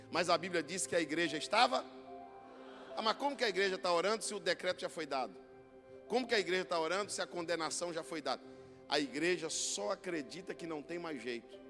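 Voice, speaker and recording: Man, Brazilian pastor, high voice, impassioned sermon, echoing church hall, soft music behind. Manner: impassioned preaching, swinging from hushed to shouted.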